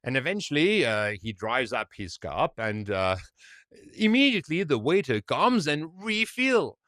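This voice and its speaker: Male commentator, animated storyteller, dry mic. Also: a little high, a little slow, dry recording. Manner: animated storytelling, frequent fillers and restarts. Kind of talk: casual monologue commentary.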